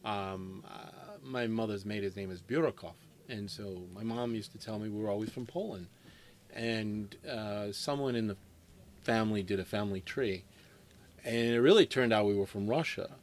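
Man, soft-spoken and hesitant, low voice, faint background noise. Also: normal speed. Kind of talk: casual interview chat.

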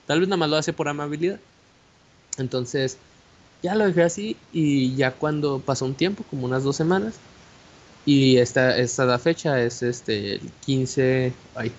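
A young man with a Mexican Spanish accent telling a personal story in casual chat, animated and slangy, with many fillers and restarts. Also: mid-range voice, normal speed. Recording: dull lo-fi audio with faint hiss.

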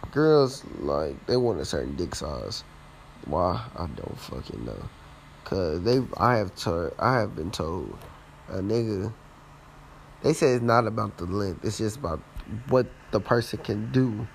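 Gravelly-voiced young man, slangy and rambling. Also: lowish voice, darkish tone, slight background noise. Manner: loose, slangy, rambling with frequent restarts. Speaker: podcast host. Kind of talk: casual dating-advice monologue.

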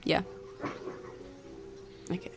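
A woman running a tabletop game as game master, relaxed and joking with many fillers. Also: very slow, faint music behind.

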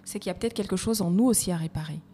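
A woman's voice: medium pitch, very fast, warm tone. A woman speaking as a podcast guest, thoughtful and often restarting her phrases. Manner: reflective, restarts mid-phrase. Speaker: guest, evaluation coach. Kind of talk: conversational podcast interview. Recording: reverberant room with faint noise.

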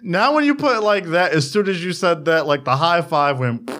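A man in casual comedic podcast chat, riffing crudely and acting out quick voices. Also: fairly high pitch, a bit bright.

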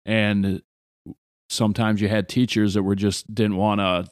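A man who hosts a podcast and used to teach, talking in a loud, direct and sarcastic way. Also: on the low side, flat delivery, a little slow, no room sound, clean studio sound. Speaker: podcast host, former teacher. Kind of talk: casual conversation.

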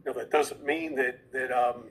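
A man's voice: mid-range voice, steady tone, measured pace, a bit bright, husky, low-quality recording. A man who is a podcast guest, earnestly explaining an idea and often repeating words as he goes.

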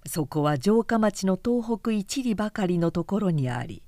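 A woman narrating a period novel as an audiobook in a calm, measured way. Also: medium pitch, no echo.

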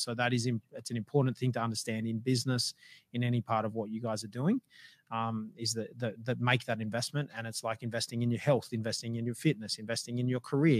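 A man's voice: mid-range voice, no echo. A man hosting a casual business livestream. He rambles with many fillers and restarts, and his voice is starting to go. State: losing his voice. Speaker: livestream host.

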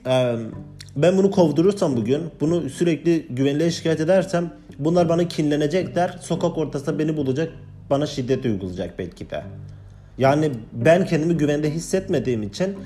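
A man with a warm, mellow voice retells a rough shift at a bar in a casual, agitated way, often rising in indignation. Faint guitar music plays under his voice. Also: on the high side, animated, a little fast. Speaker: bar floor staff telling a story. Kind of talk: casual storytelling vlog.

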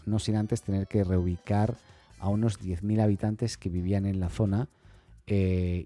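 A man's voice: deep voice, mellow. A man hosting a tech news podcast, talking casually with many fillers and restarts. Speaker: podcast host.

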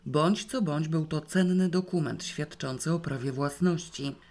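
A woman reading a first-person novel aloud in a wry, lively storytelling manner. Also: sits low, unhurried. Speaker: audiobook reader. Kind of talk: first-person literary narration.

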